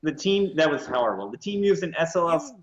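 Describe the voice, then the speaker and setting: A man's voice: a little high, very animated, fairly quick, highs cut off, a crowd in the background. A man co-hosting a casual podcast, reading news aloud and often tripping over his words. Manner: stumbling, self-correcting reader. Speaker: co-host.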